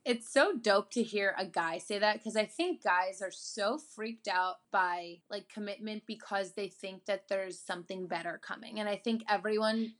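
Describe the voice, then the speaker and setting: A young woman with a mid-range voice hosts a relaxed podcast conversation. She talks candidly and chattily, dropping casual slang as she goes. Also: medium pitch, normal speed, hardly any pauses. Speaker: podcast host. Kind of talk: casual interview chat.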